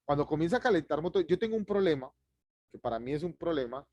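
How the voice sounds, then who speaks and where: A man teaches public speaking over an online class, rattling along quickly and laughing at his own slips. His voice sits a little high for a man. The sound is dry and close, with no room around it. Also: no echo, muffled recording. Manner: fast, lively, self-deprecating with chuckles.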